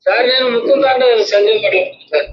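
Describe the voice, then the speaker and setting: A man with a Telangana Telugu accent phones in with a local grievance, petitioning deferentially and saying "sir" often. His voice is extremely high and very fast, and the dull phone line carries echo and noise.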